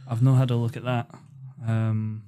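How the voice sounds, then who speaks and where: A young man talks through his stories at an easy, unhurried pace. His voice sits at an ordinary middle pitch. He sounds calm and untroubled as he chats as a podcast guest. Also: a little hiss or hum. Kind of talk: casual chat.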